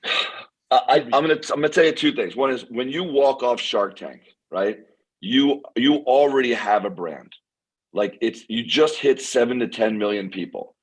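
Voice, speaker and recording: A hoarse man, an inventor guest, talking excitedly in a casual interview, repeating words and using lots of fillers. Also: mid-range voice, normal speed, poor audio. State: hoarse, losing his voice.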